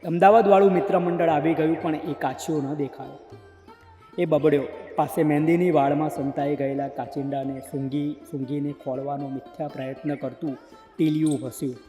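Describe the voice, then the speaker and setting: Measured male audiobook narrator. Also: fairly high pitch, steady tone, dark tone. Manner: measured literary reading. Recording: echoey hall with faint music.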